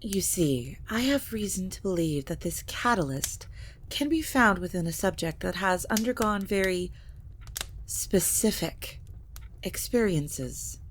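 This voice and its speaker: An actress with a fairly low voice plays an ancient vampire matriarch in a scripted audio drama, speaking formally and gravely like a calculating scholarly schemer. Her delivery is animated yet measured, weighing each phrase, with clear noise behind her.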